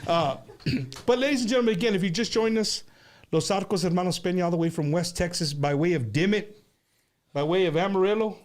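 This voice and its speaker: A man's voice: high-pitched, a little fast. A man hosting a casual, bantering interview, informally slipping Spanish slang into English and repeating words in bursts. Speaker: show host.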